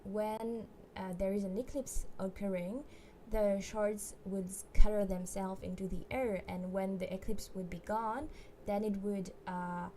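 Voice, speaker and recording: A woman's voice: mid-range voice, fairly even intonation, unhurried, mellow, slight background noise. A woman streaming live, chatting casually and hesitantly with many fillers and restarts. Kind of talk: casual livestream chat.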